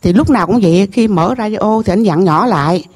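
A middle-aged woman with a Southern Vietnamese accent gives an emotional personal testimony at a temple gathering. She speaks earnestly and haltingly, repeats herself, and keeps addressing the master. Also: mid-range voice, a little mellow. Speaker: temple visitor telling her story.

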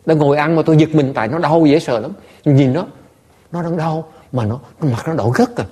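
A man, a Buddhist monk teacher, telling stories to listeners in an animated, laughing way with many stammered repeats. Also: fairly high pitch, fairly quick, slightly rough. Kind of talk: storytelling talk to listeners.

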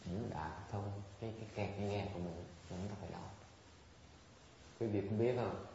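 A man's voice: lowish voice, fairly even intonation, normal speed, creaky, noisy background. A man giving an informal dharma talk to meditators, rambling and repeating words, chuckling as he mimics his students. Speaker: meditation teacher. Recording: dull, very echoey room recording.

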